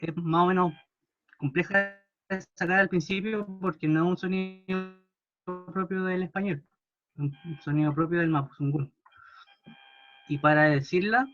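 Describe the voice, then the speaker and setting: Man, teacher, slightly high voice, patient, repeats words slowly, muffled lo-fi recording. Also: a bit bright. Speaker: language teacher. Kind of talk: classroom pronunciation lesson.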